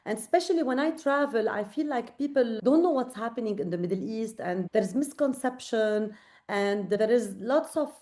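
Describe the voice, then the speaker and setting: Appearing as a guest on a late-night video call, a weary creative director from Lebanon talks earnestly and thoughtfully, using lots of fillers. Her Lebanese-accented voice is a little high and warm, with lively intonation at a moderate pace.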